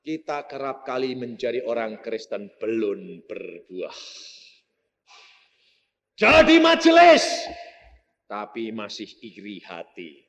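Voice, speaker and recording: A man's voice: medium pitch, sing-song, slow pace, pauses often, a bit bright, dull audio. A man preaching a sermon, telling a story dramatically and acting out the voices. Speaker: pastor. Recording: long hall reverb.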